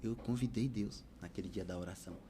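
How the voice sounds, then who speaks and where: A man's voice: on the low side, a little fast, dark tone, a little hiss or hum. A man, a podcast guest telling his life story as a heartfelt, preacherly testimony. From Bahia, Brazil.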